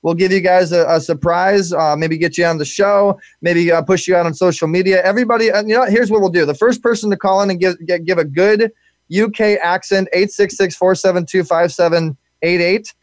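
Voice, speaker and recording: A man's voice: high voice, steady tone, fairly quick, no echo. A man hosting a live show, talking loosely with many fillers and repeated words. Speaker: show host.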